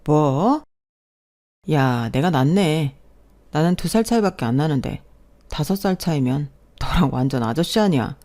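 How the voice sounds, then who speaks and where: A woman's voice: sits low, expressive, unhurried, warm tone. A woman voicing a defensive young man in his twenties in a narrated story drama, speaking with a pleading tone.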